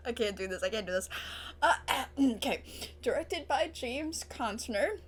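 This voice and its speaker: A woman's voice: a little high, lively intonation, a little slow, a little hiss or hum. A young woman hosting a TV reaction video, emotional and tearful, gasping, swearing and laughing through her upset. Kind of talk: episode reaction commentary.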